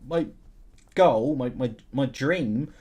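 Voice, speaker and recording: A YouTube gamer host chats with his viewers while playing an online history quiz game, thinking aloud in questions as he casually comments. His medium-pitched voice is slow, slightly rough and darkish in tone.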